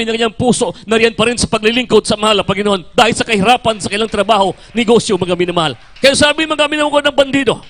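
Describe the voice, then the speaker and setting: A man with a Filipino accent preaching a storytelling sermon, calling the congregation by a loving address in nearly every line. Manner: emphatic storytelling sermon, shifting between loud and low.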